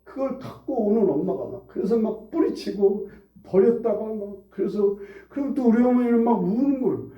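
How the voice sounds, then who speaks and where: A pastor in his forties preaching a conversational sermon in a church, swinging between hushed asides and loud, high outbursts. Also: moderate pace. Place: church sanctuary. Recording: roomy, distant, dull church recording.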